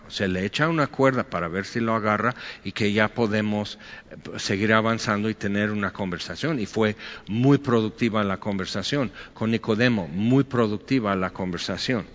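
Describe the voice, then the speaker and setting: Chatty pastor preaching in a reverberant hall. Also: male voice, a bit bright. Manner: chatty, jokey, acts out quotes in a higher voice. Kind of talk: conversational sermon. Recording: dull sound with long reverb in a hall.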